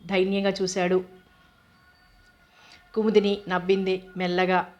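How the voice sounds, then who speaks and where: A woman narrating a novel in a steady, even reading voice. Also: medium pitch, unhurried, lo-fi sound.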